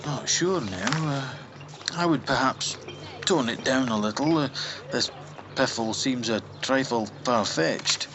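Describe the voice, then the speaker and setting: A man acting a fussy, hesitant Victorian gentleman doctor with a halting, genteel, stuffy manner in a radio drama. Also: medium pitch, dull audio, background noise, lightly acted. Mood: hesitant, sceptical.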